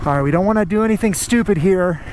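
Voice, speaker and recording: A man talks from inside a motorcycle helmet, chatty and narrating every step to his viewers. His voice sits a bit high. Wind and engine noise come through clearly around him outdoors. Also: quick pace, darkish tone. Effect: talking inside a motorcycle helmet. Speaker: motorcycle vlogger. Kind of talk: casual vlog narration to viewers. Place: outdoors on a mountain dirt road, riding a motorcycle.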